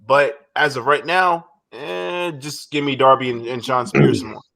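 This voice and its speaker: A man's voice: medium pitch, moderate pace, gravelly, bright, forceful tone. A man co-hosting a casual wrestling recap podcast, rambling through his opinions with frequent restarts and swearing. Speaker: podcast co-host.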